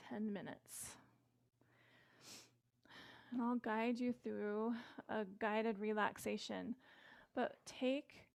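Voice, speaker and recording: A middle-aged woman guiding a yoga session with calm, gentle instructions and casual fillers, recorded indoors on a close mic. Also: on the high side, creaky, no room sound.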